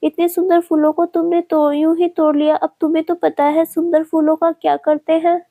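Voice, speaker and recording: A woman's voice: high-pitched, level tone, moderate pace, dark tone. A woman reading the lines of a caring older sister who soothes her brother in a storybook tale. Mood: mock stern. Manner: soothing, pleading.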